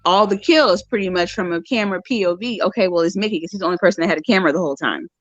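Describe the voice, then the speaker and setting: Woman co-host recapping a movie scene by scene, lower voice, dry muffled lo-fi audio. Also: racing, no room sound. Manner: relaxed, retells scenes in detail. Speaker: podcast co-host. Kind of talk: casual movie recap chat. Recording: dry, dull lo-fi sound.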